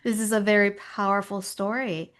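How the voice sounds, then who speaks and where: Female host for a relaxed interview show, mid-range voice, expressive and conversational. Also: mid-range voice, moderate pace.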